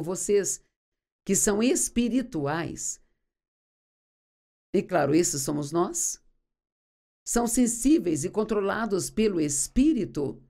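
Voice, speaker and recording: A woman's voice: mid-range voice, vocal fry, warm tone. A woman giving an earnest sermon teaching as a dubbed voice-over, reading scripture aloud and explaining it. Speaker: Bible teacher.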